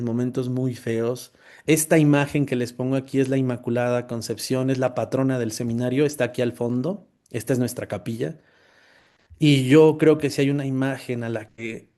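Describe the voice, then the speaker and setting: A Mexican-accented priest gives a personal testimony talk with slides, telling his story conversationally and often tacking on tag questions. His voice is medium-pitched with a dark tone.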